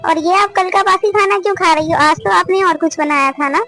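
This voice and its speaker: A woman's voice: very high-pitched, fairly even intonation, a little fast, pushed and bright, soft background music, heavily acted. A woman voicing a caring, firm young sister-in-law in a cartoon family drama, lecturing her mother.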